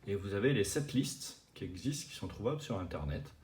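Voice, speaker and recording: A man's voice: lowish voice, lively intonation, brisk, a little mellow, slight background noise. A man hosting a video, casually explaining collecting terms while showing cards, with lots of fillers and restarts. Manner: chatty, many fillers and restarts. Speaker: card collecting channel host.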